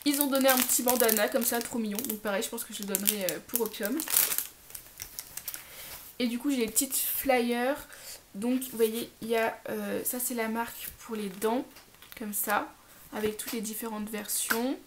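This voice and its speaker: A woman's voice: fairly high pitch, steady tone, normal speed, noisy background. A young woman casually talking about her pet products in a haul vlog, chatty and full of fillers. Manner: chatty, lots of fillers and restarts. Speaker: pet vlogger.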